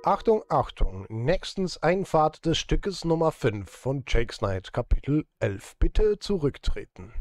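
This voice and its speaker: A music streamer and composer chats casually and playfully on a livestream while working, talking both to chat and to himself from a small indoor room. His voice is a little high with big pitch swings, slow and with few pauses, and music plays in the background.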